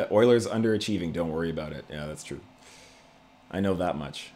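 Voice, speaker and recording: A man's voice: low voice, normal speed, darkish tone. A man hosting a casual livestream, chatting to viewers in a laid-back, conversational way. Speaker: YouTube channel host.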